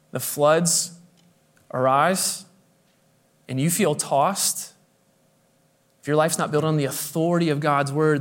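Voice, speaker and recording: A man pastor delivering a sermon with emphatic preaching, his voice swelling and dropping for effect, with the occasional hesitant filler. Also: on the high side.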